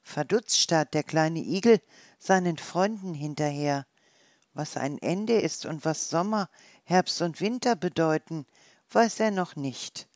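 A storyteller reads a children's story aloud, unhurried and gentle, with a mid-range voice. The sound is close and dry, with no room around it. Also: mid-range voice, no room sound.

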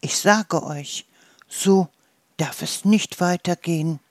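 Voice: mid-range voice, slow, dry recording, clean studio sound. A storyteller voicing a worried, serious chief dandelion in a children's story.

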